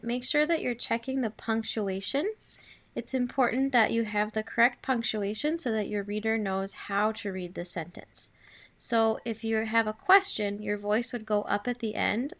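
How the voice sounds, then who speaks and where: Slow, clear teacher dictating spelling. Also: female voice, mid-range voice, a bit bright. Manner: slow, clear dictation, repeating each word.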